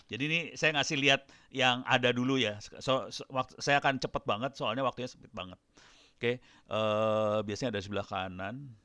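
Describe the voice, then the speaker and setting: A middle-aged man gives a loose, chatty lecture to students and walks them through a screen demo. His voice sits at a middle pitch. The sound is dry and close, with no room echo. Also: normal speed, bright, forceful tone, clean tone. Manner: chatty, loose, laughs between points. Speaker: guest lecturer.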